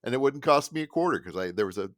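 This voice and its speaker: Talking very fast in a mid-range voice, this middle-aged Midwestern American rants alone on his podcast, rambling, sarcastic and animated. He often breaks off mid-thought to restart, captured in echo-free studio-quality audio.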